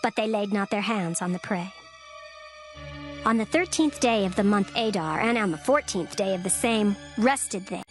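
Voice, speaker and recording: A female narrator reads scripture steadily and formally, carefully pacing each phrase. Her voice is slightly high, with clear music playing beneath it the whole time.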